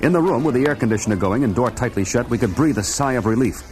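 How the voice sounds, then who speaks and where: A man's voice: medium pitch, animated, quick pace, a little mellow, faint music behind, lightly acted. A man playing an earnest reporter narrating an old radio show. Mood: urgent. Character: male newspaper reporter narrating a crisis. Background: dramatic score.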